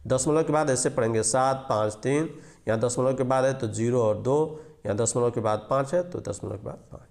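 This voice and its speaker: In a brisk, gravelly voice of medium pitch and darkish tone, a male math teacher explains basic arithmetic step by step. He repeats every rule patiently, handles each digit in turn, and asks questions before revealing answers.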